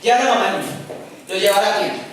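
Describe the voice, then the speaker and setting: Lively preacher in an echoey hall. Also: male voice, sits high, rapid-fire, slight background noise. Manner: lively storytelling, acting out scenes with questions to the audience. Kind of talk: sermon. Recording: echoey room, speaker far from mic.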